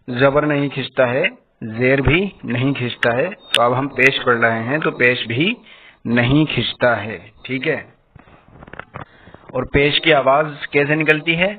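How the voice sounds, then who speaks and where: Patient male teacher on a tinny line. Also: mid-range voice. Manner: patient, explanatory, often checks in with "okay?"; slow, emphatic recitation drill of letter sounds. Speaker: Quran reading teacher. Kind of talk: online lesson explaining letters and vowel marks. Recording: tinny phone-like sound with faint noise.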